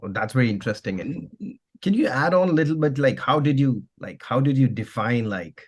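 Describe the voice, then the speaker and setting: A man's voice: mid-range voice, expressive, a little fast, slightly rough. A man co-hosting a podcast, reading a guest introduction and then asking long, rambling questions full of fillers. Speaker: podcast co-host. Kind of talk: podcast interviewing.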